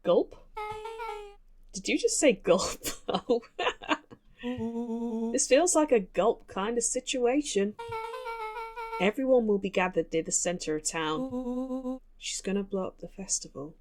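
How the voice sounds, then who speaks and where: A woman's voice: fairly high pitch, lively intonation, measured pace, pauses often, darkish tone. A woman playing through a story game in casual commentary, reading the characters' lines aloud and reacting with laughs and asides. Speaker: streamer. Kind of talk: casual let's-play commentary. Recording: game music behind.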